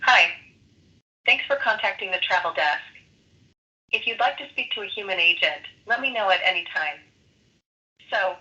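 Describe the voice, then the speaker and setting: A woman's voice: mid-range voice, sharp tone. A woman's voice as an automated phone assistant, reading polite menu prompts over a phone call. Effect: heard over a phone call. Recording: tinny phone line, picked up from a distance.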